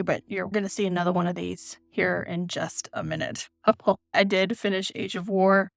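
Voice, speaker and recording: An American woman in her forties, talking casually and expressively about books she has read. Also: lowish voice. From United States, raised in Kenya. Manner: chatty, expressive, reads from her notes. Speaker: book reviewer. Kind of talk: casual book review vlog.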